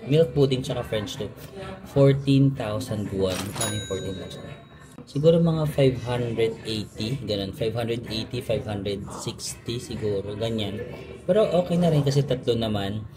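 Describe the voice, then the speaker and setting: Chatty Filipino man vlogging. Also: mid-range voice. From Philippines. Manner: chatty, playful, self-narrating. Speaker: travel vlogger. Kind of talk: casual travel vlog.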